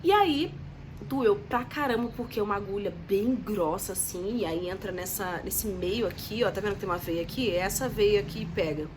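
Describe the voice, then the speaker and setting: A woman's voice: mid-range voice, moderate pace, background noise. A young woman, telling a story to her viewers in a chatty, dramatic way. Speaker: vlogger. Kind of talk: casual storytelling to camera.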